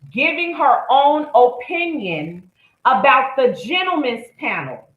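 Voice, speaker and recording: A woman's voice: on the high side, reverberant, muffled recording. A woman hosting a live stream, giving blunt, profane, indignant commentary. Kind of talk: heated commentary.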